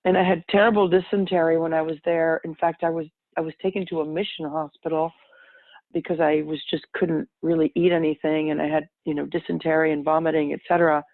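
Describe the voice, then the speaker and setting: A middle-aged woman, a native French speaker, is a podcast guest telling her own story in a casual, reflective, rambling way, often correcting herself mid-sentence. Her voice is deep and level, and she talks fairly quickly. The recording is dry with a tinny phone-line quality and no room sound.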